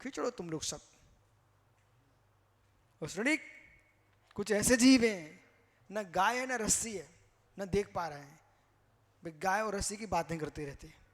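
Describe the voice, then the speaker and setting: Slow high-voiced preaching monk. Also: male voice, lively intonation, a bit bright, long reverb tail. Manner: slow, teaching, addresses listeners by name. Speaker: Jain monk giving a discourse. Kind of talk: sermon.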